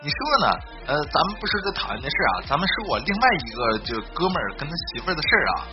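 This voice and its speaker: A man telling funny stories in a casual, rambling monologue, keeps checking in with the listener and often bursts into loud laughter at his own jokes. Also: a little high, very animated, racing. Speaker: joke-telling host. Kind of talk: casual comedic storytelling monologue. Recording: dull lo-fi audio with loud background music.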